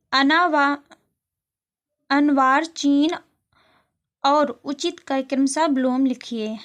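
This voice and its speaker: A woman with a high voice is giving an exam-prep lesson. She reads out each question, explains the answer, and goes over the key terms a second time. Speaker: teacher.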